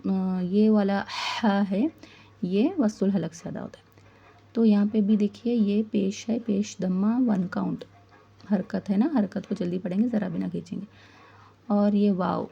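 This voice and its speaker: Woman teaching Quran recitation, dark husky voice. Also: medium pitch, lo-fi sound. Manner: asks questions and answers them herself, explaining patiently. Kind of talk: tajweed lesson.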